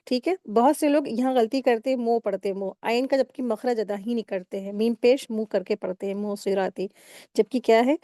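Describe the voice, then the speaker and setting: A woman teaching Quran recitation rules step by step in a patient, explaining manner, pausing to recite words slowly. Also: a little high, dark tone, no echo, studio quality. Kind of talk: step-by-step tajweed lesson.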